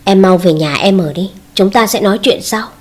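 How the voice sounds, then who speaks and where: A woman's voice: mid-range voice, moderate pace, close to an everyday voice. A woman reading as a cold, stern husband. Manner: cold, firm. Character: stern, cold husband ending his marriage.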